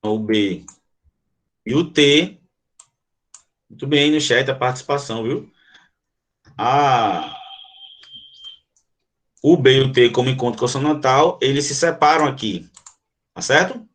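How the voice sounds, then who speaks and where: A man's voice: medium pitch, takes it slowly, long pauses, a bit bright. A Brazilian man teaching an online grammar lesson, explaining step by step and asking the class questions. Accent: Brazilian Portuguese.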